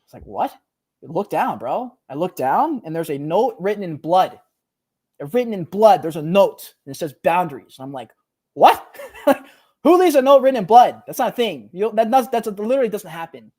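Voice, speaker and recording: A young man, a podcast guest, telling a personal story in casual chat, animated and slangy, acting out what people said. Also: high-pitched, a little fast. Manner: animated, slangy, says "bro" often, acts out quotes.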